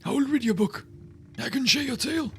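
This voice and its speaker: A man's voice: very high-pitched, fairly quick, creaky, a little hiss or hum. A man voicing a kindly, persistent old man in a tabletop game, pleading and coaxing. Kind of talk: tabletop role-play.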